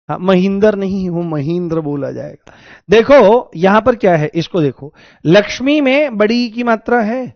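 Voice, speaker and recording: A high-voiced man leads an exam-prep grammar lesson. He explains each step, repeats the key words and calls out questions to his students. The sound is dry and slightly dull. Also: no room sound. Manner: addresses students as "babu" and "babuji". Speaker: Hindi teacher.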